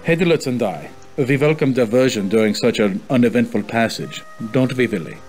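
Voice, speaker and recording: A man's voice: medium pitch, lively intonation, normal speed, a little mellow, soft background music, lightly acted. Man playing a haughty, formal German colonel. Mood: stiffly polite. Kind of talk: video game character acting.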